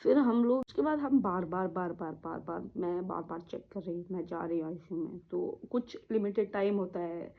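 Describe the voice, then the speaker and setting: A woman telling a personal story in a halting, repetitive way, often trailing off, with a grieving tone. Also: fairly low pitch, creaky. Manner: emotional, grieving tone. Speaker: vlogger. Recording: tinny phone-like audio.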